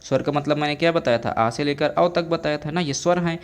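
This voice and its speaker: Slightly high-voiced male teacher drilling grammar. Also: slight background noise. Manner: repeats questions to the class, drills slowly; addresses listeners as friends. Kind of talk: exam-prep grammar lesson.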